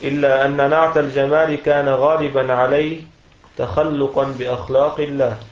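A man reading a commentary aloud in a lesson, steady and measured, pausing at each phrase. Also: medium pitch. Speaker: student reader. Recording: dull echoey lo-fi recording.

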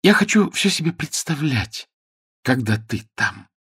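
A man voicing a cheerful, affectionate young actress in a high, girlish voice, reading an audiobook. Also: sing-song, measured pace, bright, forceful tone, slightly rough, heavily acted. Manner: bubbly, coaxing.

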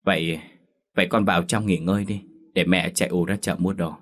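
A weary rural mother, anxious and quick to scold, in a storybook drama, played by a male narrator. The voice is husky and breathy, lifted a little above his deep natural pitch. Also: steady tone. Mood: soothing. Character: worn-out older mother, strict when pushed.

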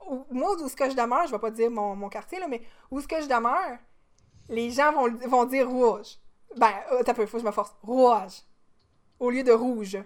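A woman from Saguenay with a Québécois accent, co-hosting a live-stream podcast in an animated, chatty way full of fillers. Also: on the high side. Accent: Saguenay Québécois French. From Saguenay, Quebec. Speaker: podcast co-host. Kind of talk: casual live-stream chat.

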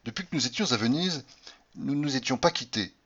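A male narrator reads a classic novel in a measured, expressive way, his voice sitting in the middle of the male range. The recording is dull and lo-fi. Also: mid-range voice, breathy edge. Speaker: audiobook narrator. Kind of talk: literary audiobook narration.

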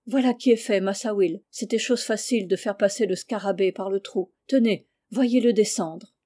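A woman's voice: medium pitch, moderate pace, warm tone, lightly acted. A woman reading aloud, voicing a simple, earnest old male servant who answers and protests plaintively in a story.

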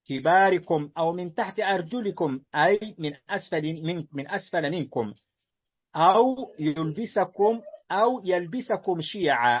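Male student reader, fairly high voice, measured classical text reading for his teacher, deferential, lo-fi recording. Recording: dull lo-fi recording.

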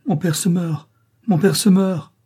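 A man's voice: medium pitch, fairly even intonation, normal speed, dark tone, natural voice. A man reading aloud, voicing a brave young woman who cries out earnestly. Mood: panicked. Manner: crying out, earnest.

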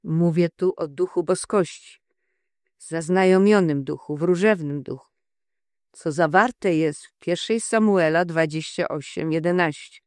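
Slow, measured Bible teacher. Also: medium pitch, a little mellow, no room sound, clean studio sound. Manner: slow, deliberate, measured delivery. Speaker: preacher. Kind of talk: Bible teaching with scripture readings.

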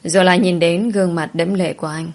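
A woman narrating a first-person audio story in a soft, sorrowful storytelling manner. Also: on the low side, steady tone, fast talker.

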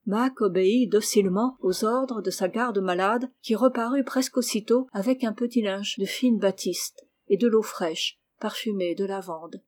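Warm-voiced woman reading a novel. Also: medium pitch. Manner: measured, expressive storytelling. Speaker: audiobook narrator. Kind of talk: scripted narration.

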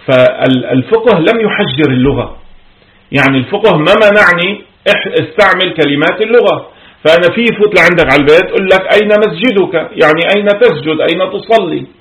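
Man, Levantine Arabic accent, sheikh teaching Quran commentary, slightly high voice, loud recitations, slow explanations that stop and restart. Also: low-quality recording. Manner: recites verses with a raised voice, then explains in slow, drawn-out talk; thinks aloud with frequent hesitations and restarts. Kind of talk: religious lesson explaining verses.

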